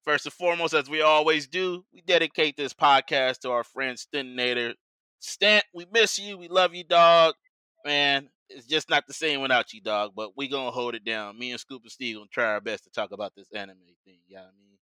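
Bright, punchy American male podcast host. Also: medium pitch, brisk, clean tone, no room sound. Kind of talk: casual chat.

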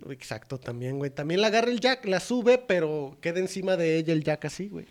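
A young Mexican man with a high voice tells the story in rough slang, jumping into the characters' lines as he goes. His talk is casual and crude, a comedic recap between friends. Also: expressive, brisk. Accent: Mexican Spanish. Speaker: podcast co-host.

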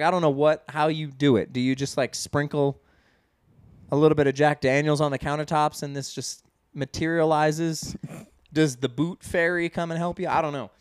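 Casting: young male podcast host, slightly higher voice, animated storyteller, dry close mic. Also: smooth, no echo. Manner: playful storyteller, does voices. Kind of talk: casual chat.

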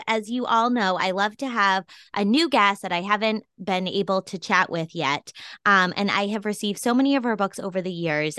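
A woman hosts an interview over a video call. Her voice is bright and forward, and her manner is enthusiastic and effusive. The sound is dry and close. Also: medium pitch, no echo. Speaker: podcast host.

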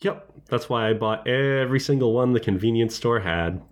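A man's voice: mid-range voice, normal speed, close to an everyday voice. A man voicing a cheerful young woman who teases her friends in a tabletop role-play. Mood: breezy.

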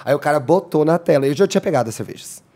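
Lively quick Brazilian man. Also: on the high side. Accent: Brazilian Portuguese. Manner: lively, laughing storyteller. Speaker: podcast guest. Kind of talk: casual chat.

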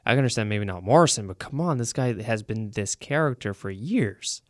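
A man co-hosting a podcast in casual chat, easygoing but quick to rant. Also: lowish voice, animated, a little mellow, dry recording, clean studio sound. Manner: easygoing, gets worked up when ranting. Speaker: podcast co-host.

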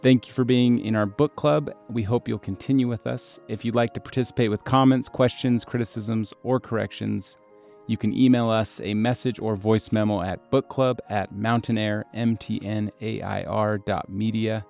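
Man, podcast co-host, joking, gravelly, lowish voice. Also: steady tone, moderate pace, a little mellow, soft background music. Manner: joking, laughs easily. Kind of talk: casual book discussion.

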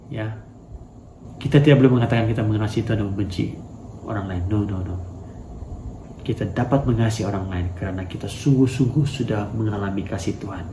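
A man's voice: lowish voice, warm tone. A male pastor preaching a sermon to his congregation in a church hall. He asks emphatic rhetorical questions and slips into English phrases. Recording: echoey room with faint background noise.

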